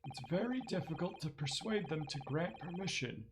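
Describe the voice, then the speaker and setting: A man doing a measured, formal old professor. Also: on the high side, lively intonation, background noise, natural voice. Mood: grave. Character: courteous elderly male professor, formal and measured. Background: game music.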